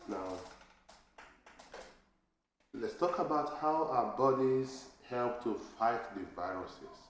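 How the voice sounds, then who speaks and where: A patient male teacher runs an oral speaking test, asking short questions and offering brief praise between the answers. His voice sits at an ordinary pitch. It rings out in a very echoey room, with faint noise behind it. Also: animated, slow pace. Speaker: English teacher and examiner.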